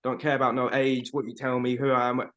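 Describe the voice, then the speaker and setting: Over a home video call, a podcast co-host in his 20s chats casually, his fast, slightly bright voice at a normal middle pitch and completely flat in delivery. He rambles emphatically, swears heavily, and fills gaps with "bro."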